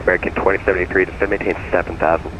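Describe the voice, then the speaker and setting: A man with a very low voice works as an air traffic controller. He speaks in clipped procedural phraseology over a muffled radio, with faint aircraft noise behind him. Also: level tone, rapid-fire. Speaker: air traffic controller in online flight simulation.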